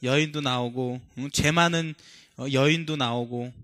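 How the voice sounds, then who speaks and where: A male preacher giving a sermon in a church, talking to the congregation with frequent questions and slowing down for emphatic scripture quotes. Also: mid-range voice, a bit bright, no echo, clean studio sound.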